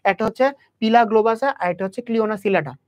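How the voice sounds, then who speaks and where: A man's voice: high-pitched, rapid-fire. A young man tutoring biology in an exam-prep lecture. He talks straight to the student and keeps asking questions that he answers himself. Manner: quizzing, asks and answers own questions. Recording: dull lo-fi audio.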